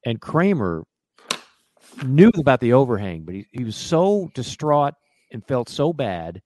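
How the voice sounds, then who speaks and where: A man on sports talk radio spins a personal story with lively swings in pitch. He acts out the lines he quotes as he goes. His studio mic sounds close and dry, with no room sound. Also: measured pace, no room sound. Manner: animated storyteller who acts out quoted voices.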